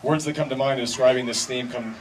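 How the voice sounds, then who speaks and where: A man's voice: mid-range voice, steady tone, fast. Man giving a wedding speech, distant noisy recording. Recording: distant mic, noisy live event ambience.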